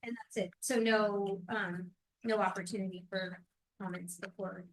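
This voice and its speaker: At a podium microphone in a council meeting hall, a woman gives an earnest, measured public comment, with some hesitant restarts. Her voice is medium in pitch with fairly even intonation.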